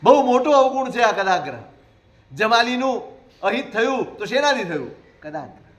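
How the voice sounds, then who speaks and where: A man, a Jain monk, preaching a sermon in a conversational way, with rhetorical questions and gentle humor. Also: extremely high pitch, very animated, moderate pace.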